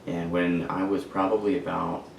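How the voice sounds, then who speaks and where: Podcast guest, man in his twenties, deep rough voice, slow halting storytelling, room echo. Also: flat delivery, slight background noise. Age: 20s. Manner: halting, searching for words. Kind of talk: personal storytelling. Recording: echoey room, far from mic.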